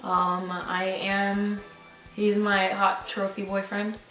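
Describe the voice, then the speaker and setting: A woman in her twenties answering interview questions casually, thoughtful and halting, with frequent ums. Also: medium pitch, flat delivery, a bit bright, recorded from a distance. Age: 20s. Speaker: interview guest. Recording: roomy, off-mic, with music behind.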